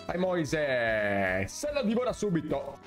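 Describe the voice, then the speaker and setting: A young man, giving excitable, swearing live commentary on his own gameplay and shouting at the game. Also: on the high side, slow, over music. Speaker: gaming content creator.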